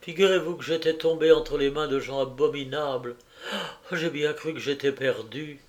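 A man's voice: on the high side, moderate pace, lightly acted. A shaken young woman with a trembling, distressed delivery, her voice a little raised, as a male narrator reads her. She sounds worn out by fear.

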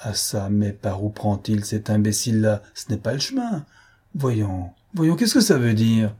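A man reading aloud and voicing a fierce gentleman adventurer in an audiobook, raised a few notes above a dark, husky voice. He barks urgent commands, all force and impatience. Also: on the low side, expressive, measured pace. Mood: suspicious. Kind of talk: audiobook character voice.

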